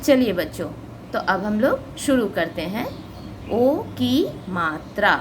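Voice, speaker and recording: A woman's voice: mid-range voice, sing-song, background noise. A woman teacher giving a phonics lesson to children, stretching out each syllable and explaining patiently step by step. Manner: slow, drawn-out syllables for children to repeat.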